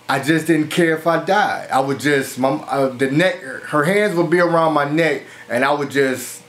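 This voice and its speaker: A middle-aged man, telling his own life story in a slow, earnest way. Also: a little high, fairly bright tone. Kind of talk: personal testimony.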